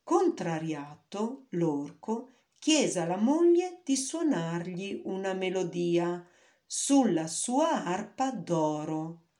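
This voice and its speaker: A woman's voice: on the low side, big pitch swings, slow pace, mellow. A woman narrating a fairy tale in a storybook reading, with careful storytelling.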